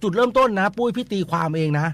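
A man's voice: high voice, fast, fairly bright tone, a little hiss or hum. A man hosting a ghost-story radio call-in show, chatting animatedly with many repetitions and fillers. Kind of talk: casual call-in chat.

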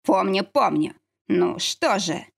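A woman's voice: mid-range voice, animated, slow pace, vocal fry, slightly rough, exaggerated voice. Woman voicing a stern, commanding old werewolf leader in an audiobook.

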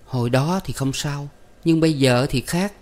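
A man's voice: on the high side, normal speed, darkish tone, pitched above the performer's own voice, natural voice. A man voicing a coy, sulky young woman, speaking in a pouty, dismissive way.

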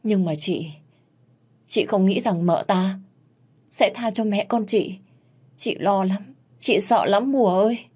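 A woman's voice: mid-range voice, takes it slowly, pauses often, a little mellow, slightly rough, pitched above the performer's own voice. A woman voicing a frightened pregnant young woman who stammers and trembles. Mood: fearful.

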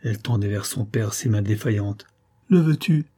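A man reading a serialized adventure novel aloud in a measured, dramatic way. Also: lowish voice, little pitch movement, mellow, slightly rough. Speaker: audiobook reader.

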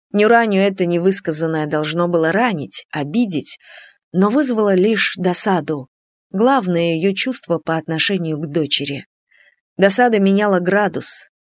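A woman reading a novel aloud as an audiobook, in a measured, unhurried manner. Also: fairly low pitch, dry recording. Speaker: audiobook narrator. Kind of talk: scripted narration.

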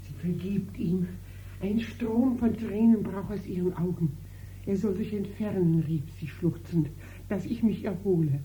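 An actress playing a caring sister who comforts her fragile sister and recounts what happened, with a soft, earnest delivery in a classic radio drama. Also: medium pitch, measured pace, a little hiss or hum, natural voice. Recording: roomy radio play studio, faint background.

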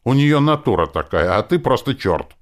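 A man's voice: medium pitch, big pitch swings, normal speed, pitched above the performer's own voice, natural voice. Man putting on a cheeky squabbling spirit. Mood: indignant. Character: cheeky indignant male spirit sidekick.

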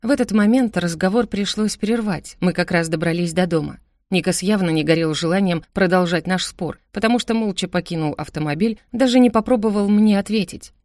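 A woman narrating a first-person audiobook story in a steady, reflective way into a close studio mic. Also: on the low side, a little fast, few pauses, dry recording.

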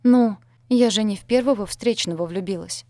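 A woman's voice: medium pitch, moderate pace, mellow, no echo, pitched above the performer's own voice, close to an everyday voice. A woman voicing a weepy, spoiled young heiress with a whiny, tearful way of pleading, in an audiobook. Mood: plaintive. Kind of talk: audiobook character voice.

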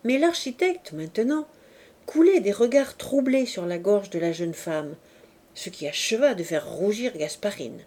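Woman narrator for a classic novel, slow and warm. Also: medium pitch, animated. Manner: slow, measured reading. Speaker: audiobook reader.

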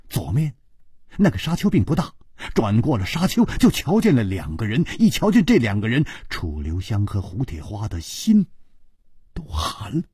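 A man narrating a story for broadcast, with dramatic, lively phrasing and sudden drops and rises, close on a studio mic. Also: fairly low pitch, slightly rough, no echo.

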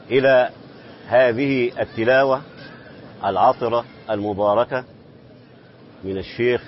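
A man teaching Quran recitation, explaining reading variants in a slow, measured scholarly way. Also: mid-range voice, muffled recording, a little hiss or hum.

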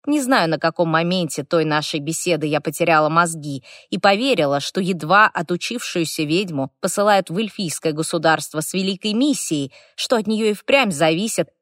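A woman narrating a first-person fantasy audiobook in a wry, lively, expressive way. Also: lowish voice, moderate pace, few pauses, no room sound, clean studio sound.

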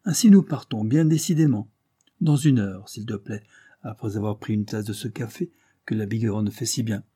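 A man's voice: on the low side, moderate pace, warm tone, slightly rough, no room sound, studio quality. A man voicing an impulsive, exuberant young man eager to travel. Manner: exuberant, insistent.

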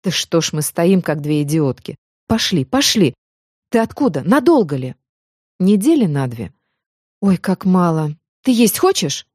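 A woman's voice: lowish voice, sing-song, measured pace, darkish tone, husky, dry recording, clean studio sound, full character voice. A woman reading an audiobook, voicing an emotional older mother who fusses over a long-lost girl. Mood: fussing. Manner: effusive, fussing.

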